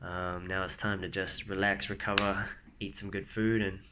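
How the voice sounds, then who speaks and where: A man's voice: low voice, flat delivery, normal speed, pushed and bright. A young man casually telling the story of his marathon in a vlog, leaning on "like" and "man". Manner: laid-back, says "like" and "man" a lot. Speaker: vlogger.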